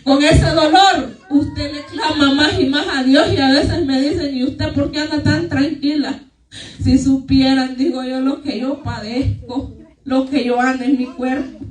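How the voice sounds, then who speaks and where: A woman's voice: high-pitched, steady tone, a little slow. A woman giving an earnest, emotional testimony to her church congregation. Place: church hall. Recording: echoey church hall, mic far off.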